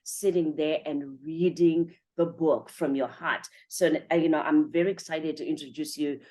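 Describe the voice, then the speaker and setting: A woman hosts an interview with a slightly low voice, gushing with thanks and chatting freely. She strings her thoughts together with frequent 'you know' fillers, keeping a talkative, conversational flow. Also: fairly even intonation, normal speed, darkish tone. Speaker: podcast host.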